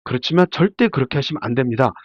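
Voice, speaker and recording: In a mid-range, animated voice, a man races through an informal, explanatory slide lecture as a labor attorney, regularly posing questions and then answering them. His head cold makes him congested, with a stuffy, nasal tone. No echo is heard, and the lo-fi audio comes across dull and muffled.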